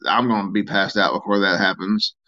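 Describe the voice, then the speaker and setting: A man's voice: fairly low pitch, a little fast, dull audio. A tired man, chatting casually on a live stream and answering comments from viewers. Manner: rambling, relaxed, reads and answers chat comments. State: tired, yawning.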